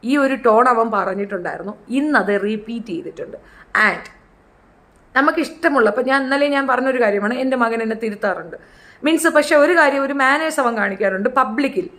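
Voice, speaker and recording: A woman's voice: a little high, fairly bright tone. A middle-aged woman giving chatty, opinionated commentary in a casual style, acting out quotes with other voices. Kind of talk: casual reality show commentary.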